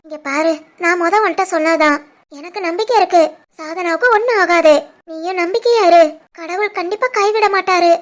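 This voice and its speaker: A woman voicing a young college-going wife, sharp-tongued and playful, with a squeaky, childlike Tirunelveli Tamil voice in an animated family story. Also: normal speed. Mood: reassuring. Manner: bossy teasing banter.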